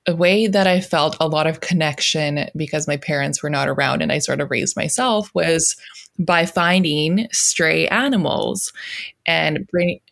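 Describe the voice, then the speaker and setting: Brief: woman guest from Russia, somewhat low voice, giggly and chatty. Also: unhurried, vocal fry. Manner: giggly, warm storytelling with frequent laughs. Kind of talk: casual conversational chat.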